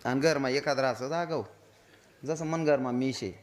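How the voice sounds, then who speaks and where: A mid-range male voice with a steady tone and measured pace carries over soft background music. He is a kirtan preacher giving a comic devotional sermon on stage, narrating stories and imitating wailing women.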